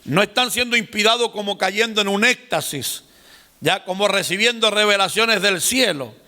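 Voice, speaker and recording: A man's voice: sits high, moderate pace, sharp tone, big-room sound. A man teaching a seminar class, explaining patiently and speaking directly to his listeners. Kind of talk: classroom lecture.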